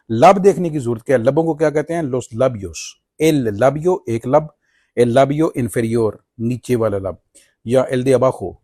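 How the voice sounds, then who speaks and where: A man's voice: mid-range voice, mellow, no room sound, studio quality. A man teaching Spanish words in Urdu, patiently spelling them out letter by letter and repeating them. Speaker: language teacher. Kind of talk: explaining Spanish vocabulary in Urdu.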